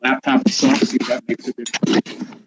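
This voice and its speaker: A man's voice: medium pitch, level tone, brisk, very noisy. A man talking on a video call, his voice muffled as if heard through a wall, giving short plain replies. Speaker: meeting participant on a video call. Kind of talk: casual meeting chat. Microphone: computer microphone on a video call.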